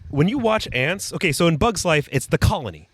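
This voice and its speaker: A man's voice: a little high, fairly quick, husky, dry recording. A man co-hosting a podcast in casual chat, telling stories with animation and acting out quotes. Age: adult with young kids. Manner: animated storytelling, acts out quotes. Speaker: podcast co-host.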